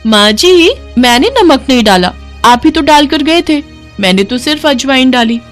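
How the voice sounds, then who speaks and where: A woman voicing a young daughter-in-law in a cartoon, quick, defensive and excitable. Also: high voice, faint music behind, voice pushed up. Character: young wife, fibbing, flustered daughter-in-law. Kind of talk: cartoon voice acting.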